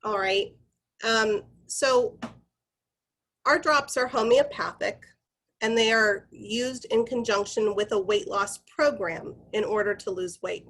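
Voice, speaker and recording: A woman's voice: mid-range voice, slow, a bit bright, low-quality recording. A woman giving an informal corporate training presentation, explaining guidelines in a conversational, instructive way and addressing her group directly.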